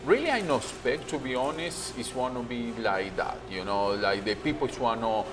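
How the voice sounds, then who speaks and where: A man's voice: mid-range voice, normal speed. A man from Argentina with an Argentine accent and Spanish as his first language, a restaurant owner telling his story in a candid on-camera interview, peppering his English with "you know". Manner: non-native English, frequent "you know", animated retelling.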